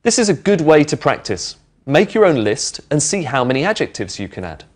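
Brief: male teacher, middle-aged, lively intonation, patient. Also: on the high side, brisk. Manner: clear, patient, explanatory. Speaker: presenter of an English lesson. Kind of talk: friendly teaching explanation. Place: indoor studio with brick walls.

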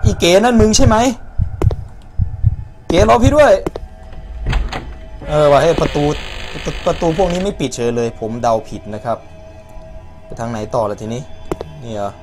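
Jumpy young man yelling through a horror game. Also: a little high, very animated, fairly quick. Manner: jumpy, yelps and swears, talks to the game. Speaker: gaming YouTuber. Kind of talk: horror game let's play commentary. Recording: loud background music.

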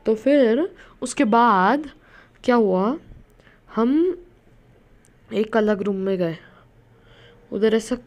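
A woman's voice: a little high, expressive, extremely slow, long pauses, a little mellow. A woman telling a story in a casual way, often stopping to search for words.

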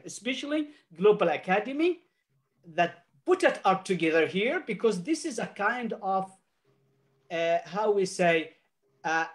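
Speaking with a very high voice, an older man whose native tongue is Arabic offers his panel remarks by video call from a home office. He's sincere yet hesitant, restarting sentences and leaning on fillers.

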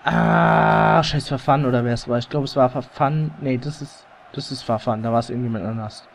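A let's play gamer offers casual live commentary on his own football video game, excitable and quick to curse and groan when he slips up. His medium-pitched voice comes through a slightly overdriven headset or desk mic, with faint background noise.

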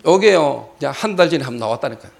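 A male pastor telling a personal story in a sermon and acting out shouted quotes. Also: a little high, animated, quick pace, gravelly. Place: church hall.

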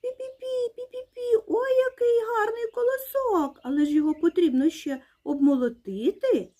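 A woman voicing two tiny, lazy mouse children with squeaky, piping voices in a children's fairy tale. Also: moderate pace, dark tone.

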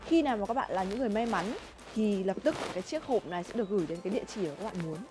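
Young woman vlogger explaining stuff, quick talker, music under it. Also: mid-range voice, expressive. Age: young adult. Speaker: vlog host. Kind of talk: casual explaining to viewers. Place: indoor fruit packing workroom. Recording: music behind workroom talk.

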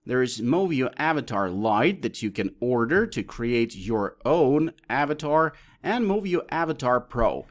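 Man, tutorial presenter, lively up-and-down delivery, listing options step by step, mid-pitched voice. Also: measured pace, few pauses. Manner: lists options step by step, explaining as he clicks. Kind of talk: screen-recorded tutorial walkthrough.

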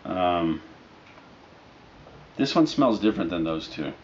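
Casual male reviewer, deep voice, laid-back and halting, lo-fi living-room camera sound. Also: animated. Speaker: product reviewer. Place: living room, indoors, on a couch. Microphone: camera mic a short distance away. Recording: dull lo-fi audio with noticeable background noise.

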